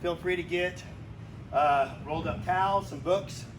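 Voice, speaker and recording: A fairly high-voiced man leads a workout like a barking gym coach, giving short, energetic orders. He instructs while exercising, with clear background noise around him. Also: unhurried, recorded from a distance. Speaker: fitness coach leading a workout. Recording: noisy room with gym ambience.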